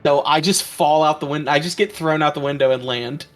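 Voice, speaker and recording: A man's voice: a little high, fairly quick, soft background music. Rambling man playing a tabletop game. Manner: rambling, full of ums and restarts. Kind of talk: casual tabletop game chat.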